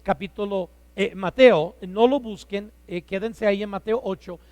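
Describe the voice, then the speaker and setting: Loud man preaching. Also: high voice, moderate pace, dry recording, big-room sound. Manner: loud, with frequent "este" fillers and light humor. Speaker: guest preacher. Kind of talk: sermon. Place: church sanctuary.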